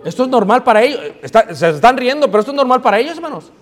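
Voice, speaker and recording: Rapid-fire and lively in intonation, this very high-pitched male preacher delivers a sermon in an echoing hall. He weaves in stories, quizzes his congregation, and slips English into his speech.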